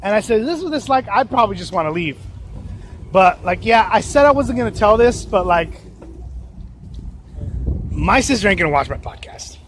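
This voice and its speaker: A man with a high, light voice talks outdoors, rambling and dramatic as he overshares about his life. A faint hiss of open air sits behind him. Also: animated, moderate pace, pauses often, a bit bright. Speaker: podcast host. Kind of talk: casual outdoor vlog chat. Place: outdoors at a shopping plaza.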